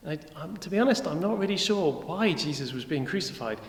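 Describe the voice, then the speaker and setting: An actor playing a weary, chatty Roman centurion in a comic monologue, talking in a rambling, wry way. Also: male voice, fairly high pitch, animated, a little fast. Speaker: actor in church children's video. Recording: echoey hall with long reverb.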